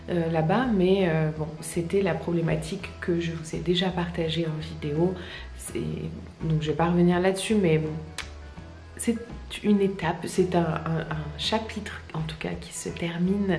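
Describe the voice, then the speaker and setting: A young woman chatting casually to her viewers in a soft-spoken, hesitant and reflective way. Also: fairly low pitch. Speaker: vlogger and ASMR creator. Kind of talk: casual personal vlog, talking to viewers. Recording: roomy, echoey sound with faint music.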